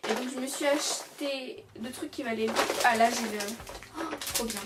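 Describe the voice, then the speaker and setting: A woman's voice: high voice, normal speed, very noisy. A young woman chatting casually through a shopping haul, rambling with many fillers and restarts. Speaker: beauty vlogger. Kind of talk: casual haul video chat. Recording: distant from the mic, music behind. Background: music.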